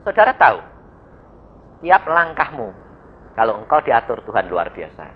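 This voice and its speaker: A man, an evangelist preaching a sermon in a lively storytelling way, acting out voices and sound effects. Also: mid-range voice, normal speed, slight background noise. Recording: dull lo-fi sermon recording.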